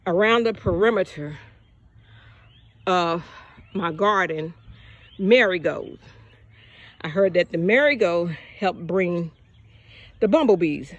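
A woman's voice: medium pitch, dry recording. Breathless older woman touring her garden. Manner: chatty, folksy, addresses viewers as y'all. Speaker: gardening vlogger. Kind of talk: casual garden walkthrough. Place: outdoor backyard garden.

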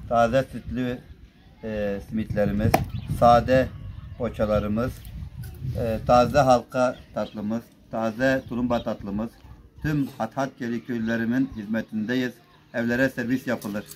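A man's voice: medium pitch, a little mellow. A middle-aged man, speaking like a street vendor calling out his fresh goods item by item. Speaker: shopkeeper and snack vendor at a roadside rest stop. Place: roadside shop and its open-air front. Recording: noisy on-location sound with ambience.

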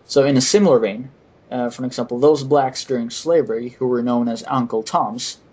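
Husky man hosting a podcast. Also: mid-range voice, a little mellow. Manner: hesitant, halting, frequent restarts. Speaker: podcast host. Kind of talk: casual podcast discussion.

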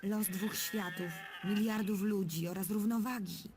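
A young woman voicing a calm, matter-of-fact heroine in a dubbed adventure game. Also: medium pitch, a little slow, a crowd in the background, natural voice. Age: young adult. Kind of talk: game dub voice acting.

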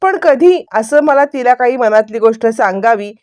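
A woman narrates the events of a drama episode in a lively storytelling manner. Her voice sits a little high but has a soft, dark warmth. The recording is dry and close, with no room sound. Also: normal speed, no room sound. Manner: animated retelling, raising her pitch for quoted dialogue. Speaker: serial episode recap narrator. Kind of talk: storytelling recap, acting out quoted lines.

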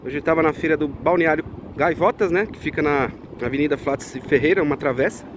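A man's voice: fairly high pitch, fast, noisy background. Chatty São man vlogging outdoors. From Brazil. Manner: chatty, keeps addressing viewers as friends. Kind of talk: casual walking vlog. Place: outdoors at a street market and a beach.

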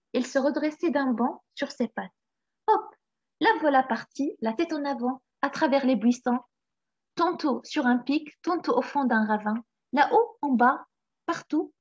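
A woman narrating a classic storybook tale in an expressive, lively reading. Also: sits high, slightly rough, dry recording. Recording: slightly dull, dry recording.

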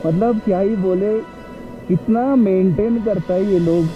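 A man's voice: high voice, unhurried, dull audio, faint music behind. A man riding a motorbike, explaining the road in a casual, chatty way as a travel vlogger. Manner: chatty, explanatory, mixes in English words. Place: on a motorbike on an open mountain road.

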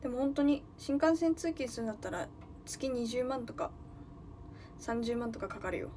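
A woman's voice: fairly high pitch, expressive, normal speed, warm tone, slight background noise. A young woman from Nagano, chatting casually on a livestream, thinking aloud and greeting viewers often. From Nagano, Japan. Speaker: livestreaming idol.

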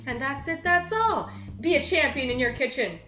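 Woman, young, high voice, chatty cooking host, echoey kitchen, music behind. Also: expressive, normal speed. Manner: chatty, upbeat, talks straight to the viewer. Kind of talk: casual cooking demonstration. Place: home kitchen, indoors.

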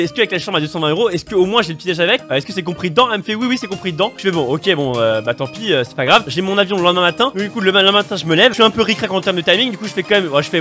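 A young man telling a story on his vlog, animated and slangy, acting out the people in it. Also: high-pitched. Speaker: vlogger.

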